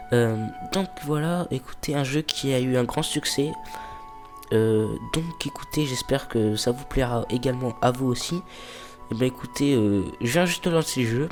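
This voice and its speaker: This let's play host has a mid-range voice and a nose blocked up by a cold. Playing a mobile game, he chats casually and hesitantly, full of fillers, now and then reading out the in-game dialogue.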